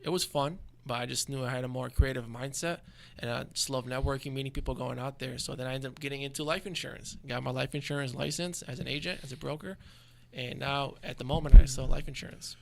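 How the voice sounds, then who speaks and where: Fast-talking young man with a gravelly voice. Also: mid-range voice, fairly even intonation, slight background noise. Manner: agreeable, fills gaps with quick "yeah"s. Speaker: guest. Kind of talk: casual interview chat.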